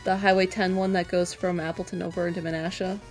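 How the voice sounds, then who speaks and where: A woman's voice: lowish voice, little pitch movement, fast talker, soft background music. A woman co-hosting a livestream in casual, conversational chat. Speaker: livestream co-host.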